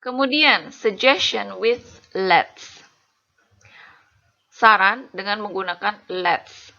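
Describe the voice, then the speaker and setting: Woman, bright voice; patient grammar teacher, stretches out example phrases; muffled lo-fi voice-over. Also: medium pitch, vocal fry. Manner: slow, deliberate example sentences; checks understanding with the listener. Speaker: English teacher. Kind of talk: explaining grammar lesson.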